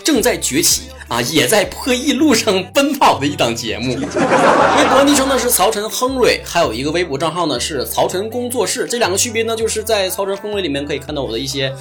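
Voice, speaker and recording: A man's voice: sits high, very animated, brisk, a bit bright. A man with a Northeastern Chinese Mandarin accent hosting a casual comedy talk show, playful and boastful, often breaking into laughter as he talks. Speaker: comedy show host and online broadcaster. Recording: voice over prominent background music. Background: music.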